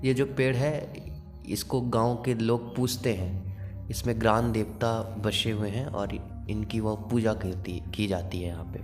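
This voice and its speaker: A teenage village boy, voiced by the male storyteller in nearly his own voice, warning his friend with an earnest, hushed tone. Faint music plays underneath. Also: fairly low pitch, fairly even intonation, measured pace, close to an everyday voice.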